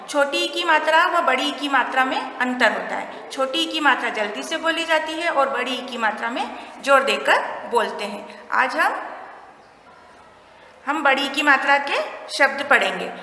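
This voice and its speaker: A woman teacher giving a slow, deliberate lesson to small children, stressing each syllable. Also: high voice, bright, forceful tone, slight background noise. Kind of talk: spoken classroom lesson for young children. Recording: echoey room with long reverb.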